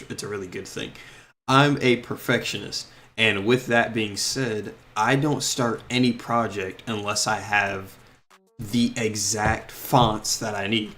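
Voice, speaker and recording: Rambling man chatting on a live stream. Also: on the low side. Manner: relaxed, rambling, full of ums and likes. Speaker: streamer designing game police cars. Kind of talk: casual live-stream chat.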